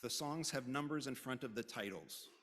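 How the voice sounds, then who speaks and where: A man's voice: mid-range voice, moderate pace, a bit bright. Joking man in a reverberant hall. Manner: joking, informal asides. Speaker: service leader. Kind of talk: conversational announcements at a religious service. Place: congregation's worship hall.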